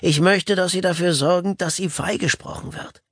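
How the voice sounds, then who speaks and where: A man's voice: high voice, fairly even intonation, moderate pace, gravelly, dry recording, studio quality, pitched above the performer's own voice. A man voicing a gaunt, earnest visitor who asks for help for his sister, speaking tersely and stubbornly.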